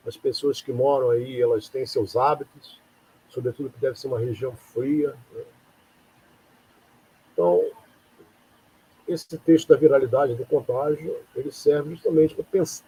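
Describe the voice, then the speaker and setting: This voice is medium-pitched, mellow and slightly rough, heard on a rough recording. It's a Rio de Janeiro man hosting an informal live talk, wandering conversationally and throwing out rhetorical questions.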